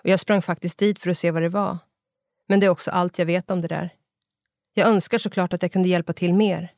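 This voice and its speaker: A woman's voice: on the low side, steady tone, darkish tone, no room sound, clean studio sound, lightly acted. A reader voicing a polite, chatty middle-aged woman shop owner. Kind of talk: audiobook character voice.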